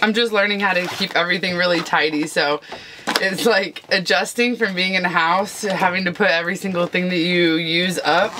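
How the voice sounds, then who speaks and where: A woman's voice: on the low side, fairly even intonation, brisk, over music. A woman vlogger talking casually through her morning routine in a truck camper, easygoing and chatty. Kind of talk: casual morning vlog talk.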